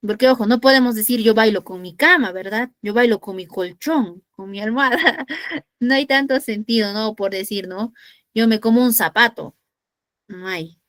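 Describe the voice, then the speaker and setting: A woman's voice: on the high side, normal speed, fairly bright tone, no room sound. A woman from Peru teaching an online English class, patiently checking in with the students and asking rhetorical questions.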